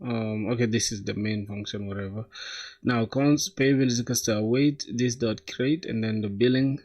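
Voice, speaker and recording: A young man from South Sudan live-streaming his coding, thinking aloud in a slangy, casual way with bursts of excitement. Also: medium pitch, moderate pace. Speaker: coding livestreamer.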